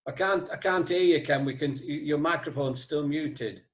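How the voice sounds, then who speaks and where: Jokey quiz host, fairly high voice. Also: male voice, moderate pace. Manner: jokey, teasing quiz master. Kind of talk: casual quiz chat on a video call. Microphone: video call.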